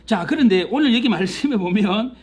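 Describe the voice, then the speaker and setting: A middle-aged male pastor teaching a Bible class in a church classroom, lively and teasing, acting out quarrels and God's voice. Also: high voice, fairly quick, breathy edge.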